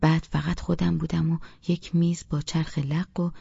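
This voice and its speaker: A man with a gravelly, husky voice reading a novel in first-person narration. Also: on the high side, no echo, highs cut off. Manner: flat, even reading. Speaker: audiobook narrator.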